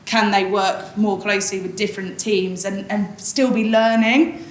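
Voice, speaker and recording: A woman's voice: mid-range voice, fairly even intonation, moderate pace. A woman on a conference panel, answering a question in a candid, chatty way and laughing easily. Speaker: panelist, SDR manager. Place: conference hall. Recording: echoey event hall with faint noise.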